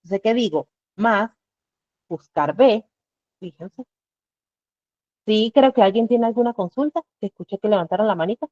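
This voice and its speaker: A woman's voice: medium pitch, lively intonation, normal speed, pauses often, no echo, dull audio. Woman teaching step by step. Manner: explains step by step with rhetorical questions. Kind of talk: live online class walkthrough.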